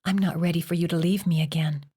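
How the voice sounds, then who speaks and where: A woman's voice: lowish voice, fairly even intonation, fast, mellow, slightly rough. A woman narrator voicing an earnest, caring seventeen-year-old girl in an audiobook. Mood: pleading.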